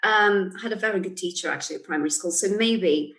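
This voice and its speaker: A Portuguese solicitor in her forties, guesting on an interview podcast, speaks fast in a lowish voice with a fairly bright tone. The chat is casual, and she thinks aloud and laughs often.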